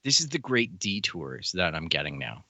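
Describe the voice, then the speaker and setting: A man talks in a low, bright, forceful voice. He chats casually and eagerly, with the odd curse word thrown in, close to a dry mic. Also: normal speed, dry recording. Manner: animated, swears casually, fan enthusiasm. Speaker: podcast co-host. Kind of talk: casual chat.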